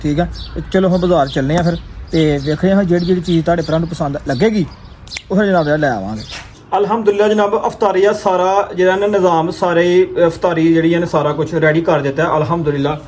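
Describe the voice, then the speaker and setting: A man's voice: a little high, quick pace, a little mellow. A man with a Pakistani Punjabi accent chatting casually to viewers as a vlogger, often listing things one by one and peppering his talk with filler forms of address. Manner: repeats filler address words and lists items one by one. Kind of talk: casual vlog chat to viewers. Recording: clear ambient and car noise.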